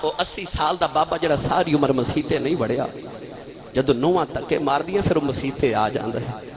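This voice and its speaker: Male preacher, fervent storyteller, mid-high voice, live crowd recording. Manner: impassioned, addresses the young men of the audience directly. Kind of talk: religious sermon storytelling. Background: audience crowd sounds.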